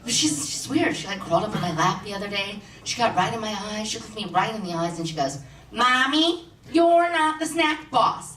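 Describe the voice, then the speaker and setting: A woman's voice: medium pitch, lively intonation. A woman from Miami doing a brash, sarcastic stand-up comedy set on a theater stage. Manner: brash, sarcastic, quick punchlines. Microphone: stage microphone. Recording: distant roomy theater mic, audience noise.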